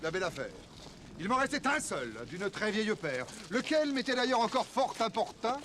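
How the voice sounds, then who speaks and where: Flamboyant high-voiced swordsman-poet, Cyrano de Bergerac. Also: sing-song, normal speed, fairly bright tone, slight background noise. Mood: proud, lofty. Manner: declamatory, flamboyant, savoring each word. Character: proud, witty, swaggering swordsman-poet, gleefully taunting his rival. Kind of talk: theatrical French verse drama acting. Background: music.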